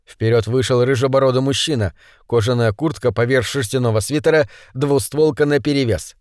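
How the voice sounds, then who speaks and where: A man's voice: medium pitch, darkish tone, no echo. Male audiobook narrator, dry sound. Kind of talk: scripted narration.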